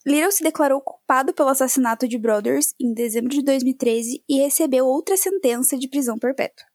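High-voiced Brazilian woman, joking and informal. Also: brisk, a little mellow, no echo, clean studio sound. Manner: informal, joking, self-deprecating. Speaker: podcast host. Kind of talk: casual chat and scripted true-crime narration with asides.

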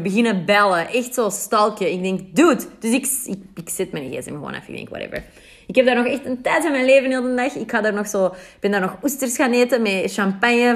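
A woman's voice: fairly high pitch, moderate pace. Chatty Flemish woman in her thirties. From Belgium. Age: 30s. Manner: animated, chatty, with asides to viewers. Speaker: vlogger telling a dating story. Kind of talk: casual storytime chat to viewers.

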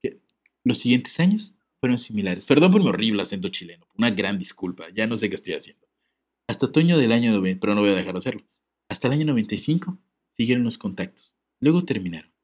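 Reading a letter on his podcast, this co-host keeps cracking jokes, laughing and adding comic asides. His lowish voice swings widely in pitch, and he talks at a quick pace.

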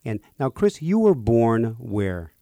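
A man's voice: mid-range voice, big pitch swings, slow, mellow, no echo. A man hosting a religious radio talk show from a studio, with an upbeat announcer cadence. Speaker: radio host.

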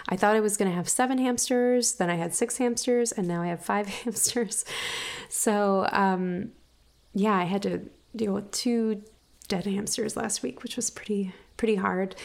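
A woman chatting casually about her own life in a halting, thinking-aloud way, with mouse clicks behind her. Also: mid-range voice. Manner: halting, thinking aloud with frequent "like" and trailing restarts. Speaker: hamster owner and podcast or vlog host. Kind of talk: casual personal chat, rambling.

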